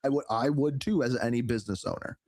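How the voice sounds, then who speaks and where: A man in a casual gaming chat, giving measured, reasoned opinions. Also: mid-range voice, a little mellow, no echo.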